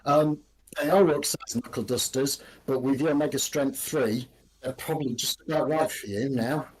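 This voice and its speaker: A man narrating as game master in a tabletop game, halting and full of ums. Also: medium pitch, husky, rough recording.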